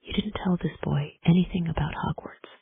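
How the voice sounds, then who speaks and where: Picture a huge bearded giant with rough, folksy speech, voiced by a narrator in an unvoiced whisper with a gravelly edge. The whispered role-play is thin and tinny, like a phone line, with a dry, close sound and no room around it. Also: medium pitch, fairly even intonation, moderate pace. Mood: indignant. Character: huge gruff bearded male giant groundskeeper.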